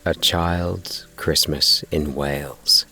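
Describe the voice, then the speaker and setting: Very deep-voiced man, slow soothing bedtime narration. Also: steady tone, soft background music. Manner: soothing, unhurried, gently measured delivery. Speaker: host and narrator of a sleep story podcast. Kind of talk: slow bedtime relaxation narration and story reading.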